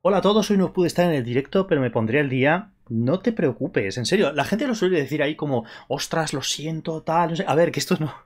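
A man's voice: fairly high pitch, expressive, fast talker, few pauses, a little mellow. Playful man with a Spain Spanish accent. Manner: playful, joking and self-mocking. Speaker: live painting tutorial host. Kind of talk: casual live-stream chat while painting.

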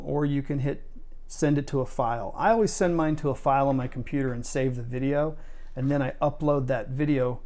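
Man casually talking through a tutorial. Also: medium pitch. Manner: relaxed, conversational, talks through each step. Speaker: video tutorial maker. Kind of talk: casual screen-recorded tutorial.

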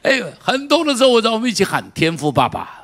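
A middle-aged man preaching a sermon as pastor, moving from quiet storytelling to shouted exhortation and firing questions at the congregation. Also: high-pitched, wildly swooping pitch, quick pace. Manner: asks the congregation repeated direct questions.

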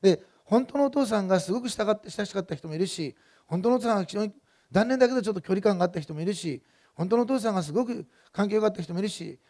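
A man's voice: high-pitched, gravelly, a little mellow. A middle-aged male pastor preaching a sermon in a conversational, digressive way, with many fillers and personal stories.

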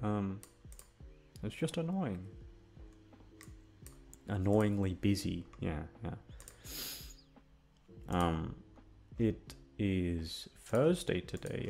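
A voice actor who hosts a channel rambles aimlessly through a casual outro, self-deprecating and swearing plenty. His voice is lowish, creaky, and a little mellow.

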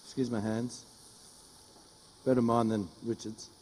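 A middle-aged man, a chef giving a brisk, joking live cooking demonstration on a studio stage. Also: medium pitch, little pitch movement, darkish tone, in a large hall, slight background noise. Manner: brisk, joking, teases the audience. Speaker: chef doing a cooking demo. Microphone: headset mic.

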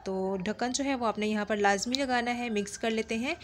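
A woman's voice: a little high, fairly quick, slight background noise. A woman, narrating a home cooking recipe as a channel host, in a friendly, instructive way with small fillers. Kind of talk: step-by-step cooking voice-over. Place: home kitchen.

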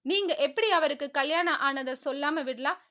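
A pampered, hot-tempered young daughter who talks in a demanding, indignant way, voiced by a woman narrator. The voice is high and bright. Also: moderate pace.

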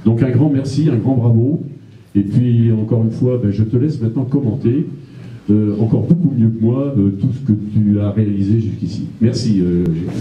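A middle-aged man, a mayor, giving a formal welcome speech on a handheld mic in a small gallery, pausing often with "euh". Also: on the low side, lo-fi sound, slight background noise. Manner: halting, many "euh" pauses. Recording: echoey room.

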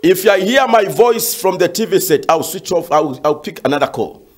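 A man's voice: high-pitched, expressive, normal speed. A man preaching fervently and praying with callers on a phone-in, with frequent "uh" fillers. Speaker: pastor. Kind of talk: shouted sermon and prayer phone-in.

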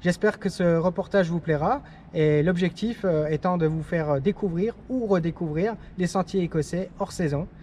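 A man's voice: sits high, normal speed, hardly any pauses, warm tone, slight background noise. A man in his thirties from France, narrating a hiking vlog in a chatty way with frequent hesitations. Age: 30s. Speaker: trek vlogger and filmmaker.

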